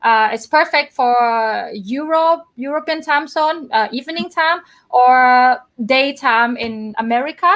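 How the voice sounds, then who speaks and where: A woman's voice: high-pitched, measured pace, hardly any pauses, fairly bright tone. A woman with a Thai accent, a language teacher chatting casually and giggling often on a livestream.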